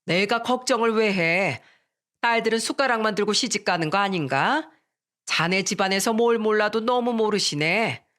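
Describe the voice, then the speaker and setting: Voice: medium pitch, normal speed, bright, forceful tone, natural voice. A storyteller voicing a brazen, pushy future mother-in-law who speaks condescendingly.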